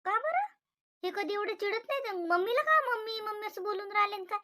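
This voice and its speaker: An anxious young cartoon wife, voiced by a woman, with a high, bright voice that keeps pleading and asking what went wrong. She repeats names over and over to calm everyone down. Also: a little fast. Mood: worried asking. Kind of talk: animated comedy dubbing.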